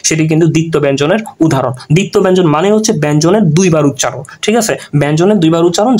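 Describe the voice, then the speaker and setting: A man's voice: sits high, a little mellow. A man teaching an exam-prep grammar lesson, explaining through repeated examples and frequent check-ins.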